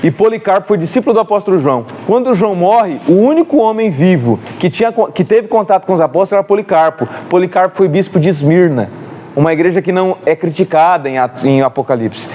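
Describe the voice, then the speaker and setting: A man's voice: high-pitched, muffled recording, a little hiss or hum. A man with a Brazilian Portuguese accent teaching a church Bible class, telling stories animatedly and acting out the dialogue. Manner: animated storyteller, acts out dialogue.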